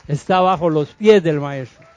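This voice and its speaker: Pastor guy preaching slow and high, acts out the bible people, asks the crowd to repeat after him, dry sound. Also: a little mellow, dry recording, highs cut off. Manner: preaching with call-and-response to the congregation; acts out Bible figures' voices. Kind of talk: sermon.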